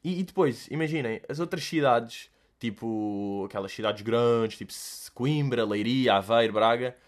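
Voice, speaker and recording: A young man with a European Portuguese accent talks in a loose, animated solo chat, cracking jokes and swearing freely. His voice sits at a middling pitch, and he rattles through slang as he answers listener questions. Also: moderate pace.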